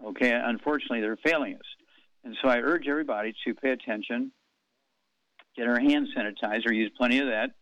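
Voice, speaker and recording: A man in his eighties hosting a radio talk show, rambling slowly through figures with many fillers. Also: mid-range voice, fairly bright tone, no echo. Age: 80s. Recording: dull lo-fi radio sound.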